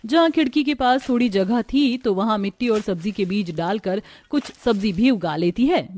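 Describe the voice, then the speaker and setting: A woman narrating an animated family story in an even, explanatory way. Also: mid-range voice, no room sound.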